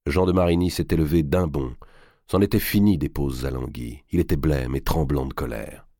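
A man giving a dramatic audiobook narration with expressive storytelling. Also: a bass voice, moderate pace, no room sound, studio quality.

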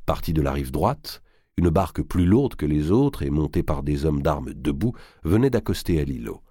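A man reading a historical novel aloud in a measured, literary narration. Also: rumbling low, big pitch swings, dark tone, husky, no echo, clean studio sound. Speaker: audiobook narrator. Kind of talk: scripted narration.

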